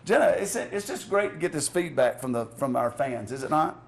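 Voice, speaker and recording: A man's voice: fairly high pitch, expressive, brisk, creaky. A man hosting a joking cooking segment, teasing his co-host with playful, rambling, mock-serious asides. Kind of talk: joking comedy cooking bit.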